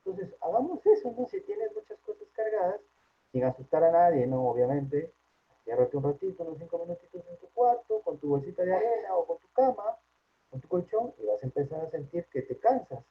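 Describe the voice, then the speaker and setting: A man with a Peruvian Spanish accent, a psychologist giving an informal workplace talk in a chatty way, often checking in with a quick question tag. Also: high voice, sing-song, slightly rough. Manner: conversational, frequent tag questions. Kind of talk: informal lecture. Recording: tinny phone-like line.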